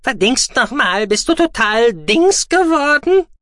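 A man voicing a small, furry, cheeky alien creature who fumbles for words in a shrill, squeaky, agitated way. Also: sing-song, a little slow, bright, forceful tone, no echo, studio quality, exaggerated voice. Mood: furious.

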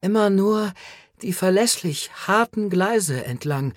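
A man reading an audiobook voices a delirious, stammering man with a high, strained, breathy voice. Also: animated, slow pace, no echo, clean studio sound, heavily acted. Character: delirious rambling adult man, giggling.

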